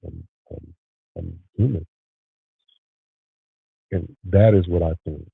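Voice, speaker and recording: A man's voice: low-pitched, slow pace, gravelly, narrow, tinny audio. A man hosting a podcast in casual chat, congested and nasal, with a scratchy morning voice and a candid, rambling way of telling stories. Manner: candid, rambling, animated storyteller. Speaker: podcast host and content creator.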